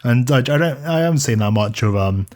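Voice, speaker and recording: A man's voice: mid-range voice, expressive, brisk, a little mellow. A man co-hosting a podcast, casually recapping wrestling matches in detail with many fillers and restarts. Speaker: podcast co-host. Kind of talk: casual wrestling review chat.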